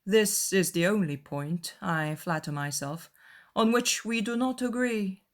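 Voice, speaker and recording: A woman acting out a sardonic middle-aged country gentleman and father in a dramatized novel, measured, deliberate and wry. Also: medium pitch, close to an everyday voice. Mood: dry, sardonic.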